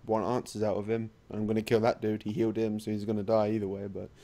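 A man's voice: on the low side, completely flat delivery, fast, mellow, a little hiss or hum. A man playing a tabletop game who states his moves in a blunt, decisive, casual way. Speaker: player.

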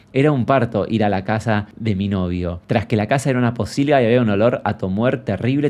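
A man's voice: fairly low pitch, a little mellow. A man in his thirties with an Argentine accent, telling stories and reading viewer anecdotes on a livestream in a campy, playful, crude way. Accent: Argentine Spanish. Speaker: streamer.

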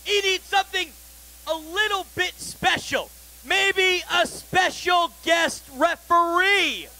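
A man's voice: very high voice, takes it slowly, noisy background. A young man playing the boss in a wrestling promo, making emphatic announcements with stretched-out words. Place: brick-walled indoor wrestling venue. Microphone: handheld microphone.

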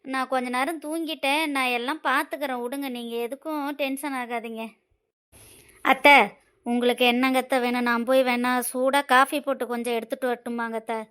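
A woman's voice: high-pitched, steady tone, a little fast, fairly bright tone, smooth. A woman voicing a tired, put-upon young wife in a cartoon, pleading and patient. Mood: weary. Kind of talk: cartoon voice acting.

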